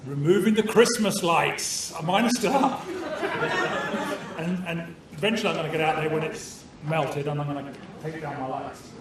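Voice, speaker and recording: In an echoey meeting room full of crowd noise, a man opens a club meeting with jokes for the audience. A new Canadian citizen, he banters cheerfully and teases himself, speaking unhurriedly in a slightly high voice with lively intonation. The mic is far off and the recording is noisy.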